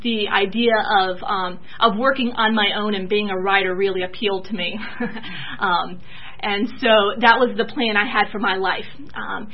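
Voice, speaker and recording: A soft-spoken young woman from Georgia, giving a church talk about her mission teaching and pausing often with fillers. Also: mid-range voice, fairly even intonation, muffled recording, a little hiss or hum.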